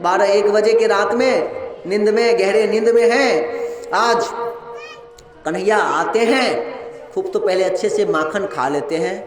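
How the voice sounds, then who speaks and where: A man telling a devotional story as a katha storyteller, animated and speaking directly to his listeners. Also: sits high, echoey room.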